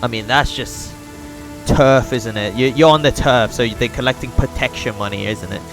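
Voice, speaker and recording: A man's voice: medium pitch, moderate pace, over music. Chatty man streaming a game. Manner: chatty, joking asides to viewers. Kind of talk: live gameplay commentary.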